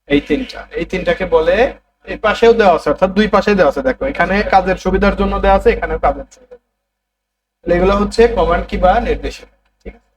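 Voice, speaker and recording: High-voiced man drilling a computer class. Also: low-quality recording. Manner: repetitive, drilling students to answer back. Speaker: computer teacher. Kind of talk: classroom lesson.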